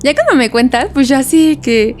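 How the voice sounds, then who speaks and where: Young Mexican woman, podcast guest, animated storyteller, slightly high pitch, faint background noise. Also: normal speed. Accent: Mexican Spanish. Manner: animated, laughs often, acts out voices in quotes. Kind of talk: casual storytelling.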